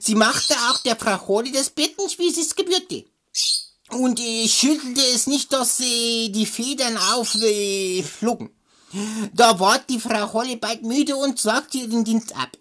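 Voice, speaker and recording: A woman's voice: a little high, a little slow, a bit bright. A woman reading a fairy tale aloud for comedy, stumbling over words and adding joking asides. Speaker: reader.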